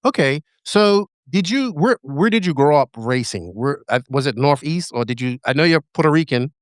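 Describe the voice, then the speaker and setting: Podcast host: man, clear smooth voice, dry close sound, casual and rambling. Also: a little high, lively intonation, moderate pace, no echo. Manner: loose, rambling questions. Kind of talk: casual interview hosting. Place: remote, virtual studio.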